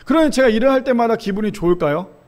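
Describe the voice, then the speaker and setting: A fairly high-voiced man in his thirties delivers a Sunday sermon as pastor. He tells a family story in an engaging, conversational way, asks the listeners questions, and softens his voice when he quotes his children. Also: lively intonation, fast. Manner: warm storytelling with rhetorical questions to the congregation.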